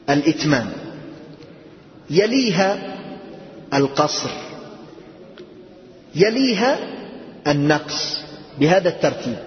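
A male teacher leads a grammar lesson, slowing down to stress key words and pausing to ask his students questions. His voice sits a little high. The recording is muffled and lo-fi, with a long echo from a large room. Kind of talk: classroom lesson. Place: classroom. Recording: echoey hall, dull lo-fi sound.

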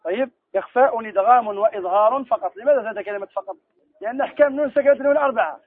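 A man teaching Quran recitation rules in a classroom lesson, quizzing students and then answering his own questions, slowing down to recite verse examples. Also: very high-pitched, breathy edge, no echo. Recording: tinny phone-like lo-fi recording.

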